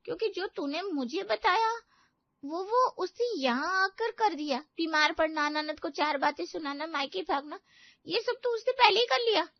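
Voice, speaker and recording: A woman's voice: very high-pitched, expressive, moderate pace, no echo, voice pushed up. Woman doing a whiny put-upon young daughter. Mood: suspicious. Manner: whiny, complaining. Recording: dull dry lo-fi recording.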